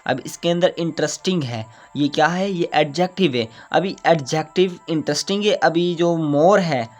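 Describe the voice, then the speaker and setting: Brief: man with an Urdu-influenced accent, slightly high voice, patient grammar teacher who repeats points and asks himself questions, faint music under the voice-over. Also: moderate pace. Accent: Urdu-influenced Hindustani. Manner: repetitive, asks and answers his own questions. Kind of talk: explanatory lesson.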